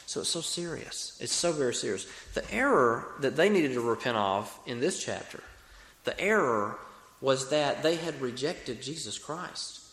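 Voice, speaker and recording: A man's voice: mid-range voice, animated, normal speed, fairly bright tone. A young man with an Alabama Southern accent preaches a sermon in an earnest, folksy manner, repeating phrases for emphasis. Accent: Alabama Southern American. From Alabama, United States. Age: young adult. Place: reverberant room, preaching to a congregation. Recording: echoey hall with long reverb.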